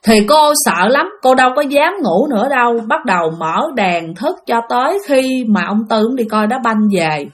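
A woman's voice: on the high side, expressive, moderate pace, hardly any pauses. A woman with a Southern Vietnamese accent telling a ghost story in a chatty way, speaking directly to her listeners. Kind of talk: spoken ghost story narration.

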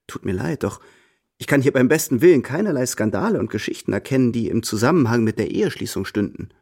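Radio drama: proud young tutor, composed and steady, middle voice. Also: male voice, mid-range voice, creaky, breathy edge. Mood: defiant. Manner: measured, cool and composed. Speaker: first-person narrator and protagonist.

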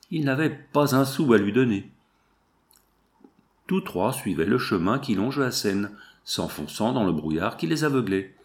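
A man reads a classic novel aloud in a measured, even storytelling voice. His pitch sits on the low side. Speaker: narrator.

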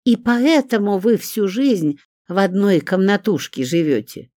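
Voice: mid-range voice, sing-song, unhurried, mellow, dry recording, clean studio sound, voice pushed up. A reader voicing an indignant, scornful woman who hisses and shrieks at her neighbours in a storybook. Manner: hissing, indignant. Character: shrill scornful woman, estranged mother.

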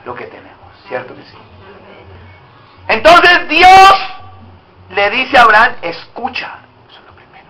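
A man's voice: very high-pitched, huge pitch swings, unhurried, pauses often, sharp tone, rough recording. A male pastor preaching an emphatic sermon and prompting his congregation to answer back. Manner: emphatic, drawing call-and-response from the congregation.

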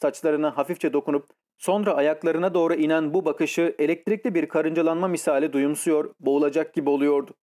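A man reading an audiobook in scripted narration, telling the story in a measured, even way. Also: a little high.

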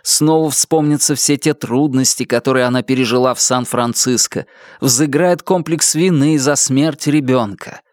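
A man reading an audiobook in a steady, dramatic storytelling manner. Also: medium pitch, moderate pace, no echo, studio quality. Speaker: audiobook reader. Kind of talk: scripted narration.

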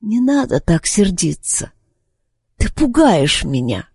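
A man's voice: high-pitched, big pitch swings, slow pace, warm tone, husky, no echo, clean studio sound, voice pushed up, exaggerated voice. A man reading an audiobook voices a frail, feverish noblewoman who pleads in a faint, strained near-whisper. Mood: pleading.

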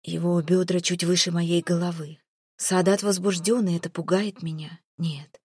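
A woman's voice: lowish voice, fairly even intonation, normal speed, darkish tone, breathy edge, dry recording, clean studio sound. A woman reading a first-person romance novel aloud with dramatic emotion, sometimes dropping to a whisper. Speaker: audiobook narrator.

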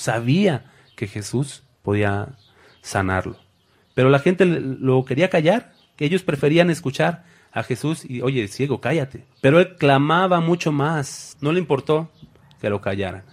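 A man preaching a sermon, who calls his listeners brothers and acts out Bible figures with sudden loud cries. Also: mid-range voice, slightly rough.

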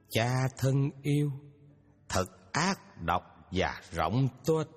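A calm, wise male teacher speaks slowly and deliberately. The audio drama sounds like it was recorded in a long-echoing hall. Soft music plays behind him. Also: medium pitch.

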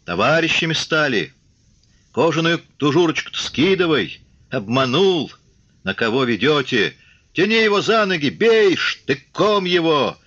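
A man's voice: medium pitch, expressive, normal speed, few pauses, sharp tone, muffled recording. A man voicing an enraged mob of soldiers hurling short furious cries.

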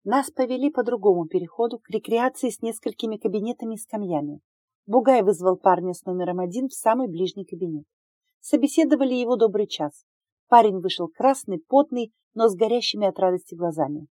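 A woman narrating a first-person audiobook in an expressive, lively reading. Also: mid-range voice, fairly quick.

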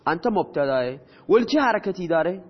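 Guy with a high voice teaching grammar, asks and answers his own questions, muffled recording w long echo. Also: sing-song, slightly rough. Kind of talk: explaining grammar to students. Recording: dull lo-fi sound with long reverb.

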